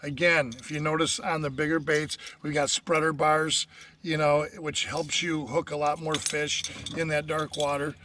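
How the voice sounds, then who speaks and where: Speaking at normal speed in a slightly high, flat, pushed and bright voice, an older fishing guide chats folksily about fishing from a small river boat, leaning on "you know" fillers. He's far from the mic, an action camera on the boat recording with outdoor noise.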